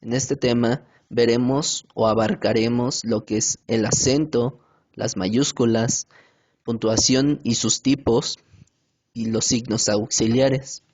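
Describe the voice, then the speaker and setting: A man reading a grammar lesson aloud in a slow, careful way, with some hesitations. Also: medium pitch, fairly even intonation, a little mellow. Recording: dull lo-fi home recording.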